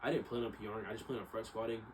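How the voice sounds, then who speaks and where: Rapid-fire and steady in tone, this young man's lowish voice runs through a casual, slangy, rambling vlog monologue where he repeats himself and keeps asking "right?". It's picked up on a distant mic over obvious background noise.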